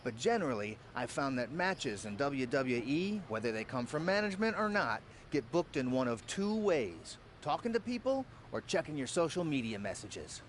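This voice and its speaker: A man's voice: medium pitch, very animated, normal speed, hardly any pauses, slight background noise, natural voice. An actor playing a friendly, older male cameraman who patiently explains things to a newcomer in video game dialogue. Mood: advising. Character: friendly veteran male cameraman, helpful mentor.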